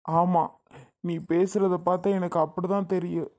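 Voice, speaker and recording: A woman acts out a hurt, tearful elder brother in a family comedy skit, his voice low and gravelly. He pleads and sulks, taking every word to heart. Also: level tone, normal speed, mellow, natural voice. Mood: hurt pleading. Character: emotional grown man, a doting elder brother.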